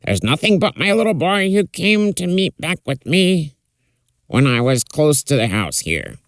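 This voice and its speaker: A man's voice: fairly high pitch, big pitch swings, measured pace, clean tone, no echo, pitched above the performer's own voice. A man voicing a wily old father who feigns innocence in a fireside folktale. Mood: feigned innocence.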